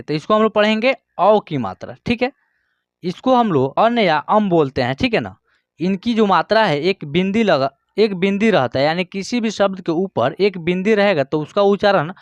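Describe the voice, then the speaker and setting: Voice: mid-range voice, dry recording. A teacher giving a beginner alphabet lesson. They explain patiently, check in with the learner constantly, and drill syllables aloud one by one.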